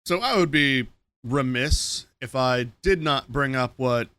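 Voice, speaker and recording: Deadpan man in casual podcast chat. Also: medium pitch, unhurried, smooth, dry recording. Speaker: podcast co-host.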